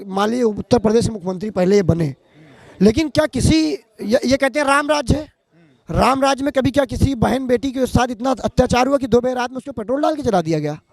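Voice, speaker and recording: Fiery high-voiced gravelly man. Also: a little mellow, no echo. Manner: fiery, oratorical, accusing. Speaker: local resident interviewed. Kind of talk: heated street interview.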